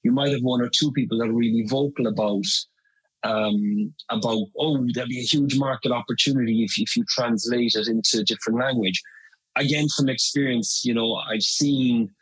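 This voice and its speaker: Speaking at a moderate pace with fairly even intonation, this middle-aged Irishman is a guest in an interview conversation. He's chatty, restarting sentences and using lots of fillers. His medium-pitched voice sounds slightly rough on a low-quality recording.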